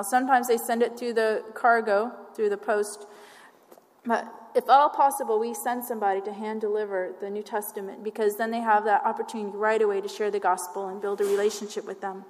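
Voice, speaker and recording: A woman from Northwest Florida gives a missionary update to a church, talking earnestly with many fillers and restarts. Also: mid-range voice. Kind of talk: church missions presentation with slides. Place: church sanctuary. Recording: long hall reverb.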